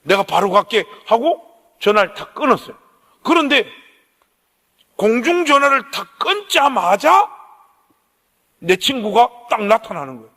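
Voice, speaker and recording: A middle-aged pastor with a Gyeongsang Korean accent delivers a storytelling sermon, his voice pitched notably high. He talks straight to the pews in a lively, animated way. A long reverb from the church sanctuary trails every phrase. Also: measured pace, pauses often. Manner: animated storyteller, addresses the congregation directly.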